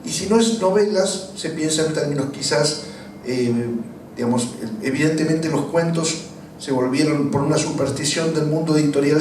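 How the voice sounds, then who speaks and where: A man's voice: on the high side, darkish tone. A man with a Latin American accent putting a long, argumentative question to a panel in an articulate, emphatic way. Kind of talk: discursive, argumentative public question. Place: echoey room at a public talk. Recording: echoey room, distant mic, faint noise.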